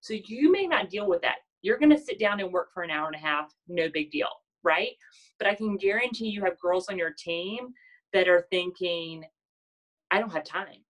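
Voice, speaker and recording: A woman in her thirties with a nasal, fairly low-pitched voice gives her sales team a casual pep talk, animated and at normal speed. She's a network marketing team leader who keeps asking "does that make sense?", and the audio quality is poor.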